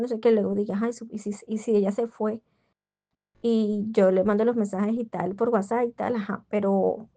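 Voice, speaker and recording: A woman's voice: medium pitch, gravelly. A woman leaving a casual voice message, anxious and stressed, rambling and pleading with many restarts. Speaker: person leaving a voice message to a friend.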